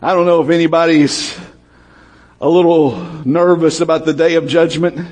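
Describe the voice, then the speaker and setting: Pastor, male, husky and fairly high voice, unhurried delivery, lively congregational preaching. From United States. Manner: lively preaching, calls out to the congregation, rises to shouts and drops low. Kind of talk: sermon.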